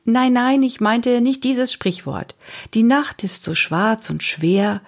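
A woman reading aloud plays a jolly, round older man in a children's audiobook, who speaks slowly and solemnly in flowery phrases. The voice has a slightly breathy tone. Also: on the high side, lively intonation, pitched above the performer's own voice, heavily acted. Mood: romantic.

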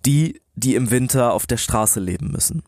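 Recorded dry with almost no room sound, a man co-hosting a podcast tells stories in a conversational way. His pitch is in the middle of the male range and his tone darkish, and he speaks at normal speed with animation.

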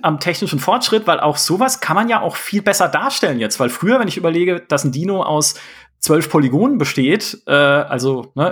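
A man's voice: on the high side, a bit bright, breathy edge. A man hosting a podcast, enthusiastic and exclamatory in casual conversation. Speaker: podcast host.

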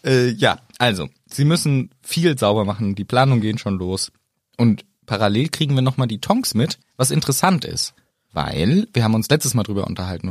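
A man co-hosting a casual chat podcast, playful and quick to laugh. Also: lowish voice, dry recording, studio quality. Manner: playful, laughs often, plays word games. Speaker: podcast co-host.

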